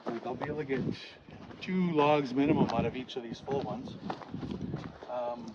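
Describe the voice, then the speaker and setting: A man chatting casually outdoors as he explains his building work, often pausing to think aloud. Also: mid-range voice. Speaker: log cabin builder and vlogger. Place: outdoors at a cabin building site. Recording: muffled, noisy outdoor camera audio.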